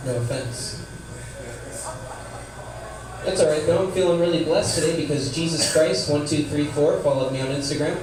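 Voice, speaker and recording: A man's voice: on the high side, fairly even intonation, quick pace, hardly any pauses, a crowd in the background. A man performing a stand-up comedy set, delivering short jokes to a live venue. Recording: echoey room, distant mic, noisy.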